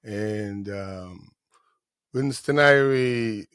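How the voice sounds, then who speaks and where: A middle-aged man, a musician guest speaking in an unhurried, devout and grateful way in a studio interview. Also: fairly low pitch, fairly bright tone, clean tone, no room sound. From Guyana.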